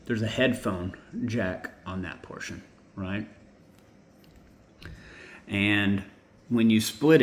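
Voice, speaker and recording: His voice sits low as this hobbyist maker casually explains the gear he made, rambling and correcting himself in an informal how-to. The sound is roomy, with faint ambience and a little hiss or hum.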